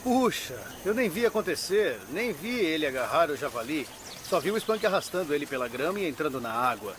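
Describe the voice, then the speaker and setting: A man's voice: on the high side, big pitch swings, a little fast. An actor voicing a crocodilian researcher, a man speaking in a dubbed nature documentary. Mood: impressed. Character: male crocodilian researcher, cautious and impressed. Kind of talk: dubbed nature documentary interview and field commentary. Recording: noisy, outdoor ambience behind.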